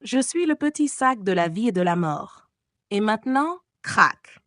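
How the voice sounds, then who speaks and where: A woman's voice: medium pitch, sing-song, measured pace, a bit bright, no echo, studio quality. A woman voicing a cruel masked male phantom from an audiobook who mockingly taunts a young woman. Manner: taunting, theatrical.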